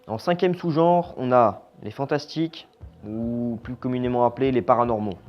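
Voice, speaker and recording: A man giving a casual, opinionated horror film review. He is blunt and slangy, and his voice trails off quietly at the ends of phrases. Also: mid-range voice, moderate pace. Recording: slightly dull lo-fi sound with faint music.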